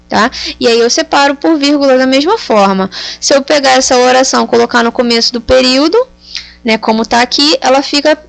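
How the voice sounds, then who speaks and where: A woman's voice: high-pitched, gravelly, no room sound. A woman teaching grammar, explaining patiently and checking understanding with frequent tag questions. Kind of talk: explanatory lesson.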